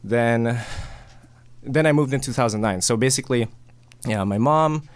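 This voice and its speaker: A man from the Philippines, a film editor, chatting as a guest in a relaxed way, often saying "you know". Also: mid-range voice, moderate pace, clean tone, dry recording. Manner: relaxed, uses many "you know" fillers. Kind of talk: casual interview chat.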